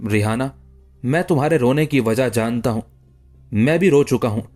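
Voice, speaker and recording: A man's voice: medium pitch, moderate pace, darkish tone, soft background music, natural voice. A man reading the lines of a lovesick, anguished young man in an audiobook story. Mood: pleading.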